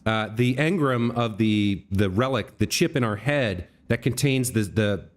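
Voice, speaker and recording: A man's voice: on the low side, measured pace. Man casually explaining a game on stream.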